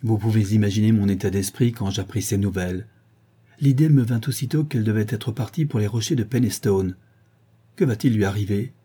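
A man giving a measured, expressive reading as the narrator of a novel. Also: lowish voice, husky. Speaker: audiobook reader.

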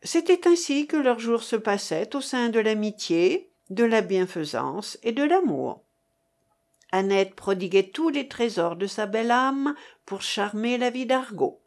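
An audiobook reader with a fairly high voice narrates a classic novel, keeping her storytelling measured and even.

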